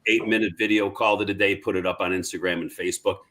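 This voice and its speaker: A man's voice: sits low, steady tone, fast, fairly bright tone. A middle-aged man, a guest in a live interview, telling stories in a rambling, casual way, often repeating and restarting words.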